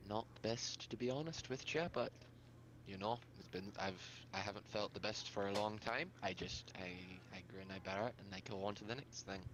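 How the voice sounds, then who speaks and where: A man's voice: on the low side, noisy background. A man playing a tabletop game who laughs often and jokes around with the group. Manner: giggly, quick to laugh. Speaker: player. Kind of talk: tabletop role-play chat.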